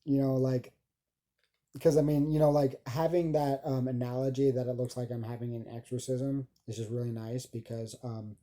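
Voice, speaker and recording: Halting, dark-voiced man vlogging. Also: mid-range voice, level tone. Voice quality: halting speech with many stumbles and restarts. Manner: rambling, heavy filler words. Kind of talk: casual self-recorded monologue.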